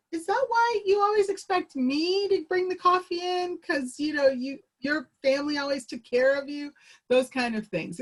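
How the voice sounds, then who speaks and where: A woman presenting a workshop over a video call, leading a group exercise in a chatty, upbeat way and laughing easily. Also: fairly high pitch. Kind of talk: facilitating a virtual group exercise.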